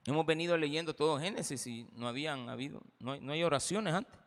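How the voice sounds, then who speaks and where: A man's voice: a little high, a little fast, long reverb tail. A man with a Salvadoran accent preaching a sermon as pastor, impassioned and speaking straight to the congregation. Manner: impassioned, addresses the congregation directly.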